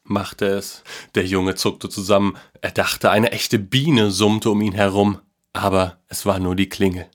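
A man telling a children's story aloud in a calm, even way. His voice sits fairly low and is steady and unhurried.

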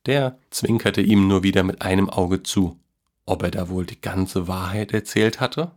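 A man calmly and gently reading a children's story aloud. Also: low voice, measured pace.

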